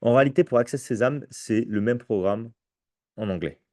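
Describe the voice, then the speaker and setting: French man giving a mellow, casual lecture. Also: medium pitch, moderate pace, no room sound, clean studio sound. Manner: conversational, addresses audience with frequent "ok?" and restarts. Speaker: prep school teacher presenting exams. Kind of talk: live conference presentation.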